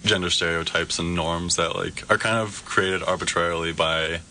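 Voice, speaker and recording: A man's voice: low-pitched, steady tone, moderate pace, pushed and bright, a little hiss or hum. A young man with a Minnesota accent hosting a campus radio show, chatting casually with many fillers. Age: young adult.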